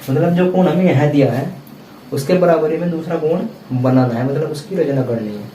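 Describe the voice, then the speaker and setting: Guy teaching maths at a board, patient, keeps checking in with students, mellow voice, kinda far from the mic in an echoey room. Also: a little high, moderate pace, a little hiss or hum. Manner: repeats "theek hai" as a check-in filler; patient, explanatory, addresses students directly. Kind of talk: blackboard maths lesson. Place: classroom at a blackboard. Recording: echoey room, voice from a distance, faint ambience.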